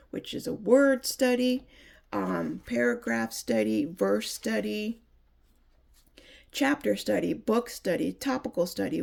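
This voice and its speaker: A woman's voice: medium pitch, gravelly, darkish tone. A woman giving a chatty, enthusiastic Bible review, sounding a bit nasal from allergies. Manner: chatty, enthusiastic, restarts often. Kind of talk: casual product review.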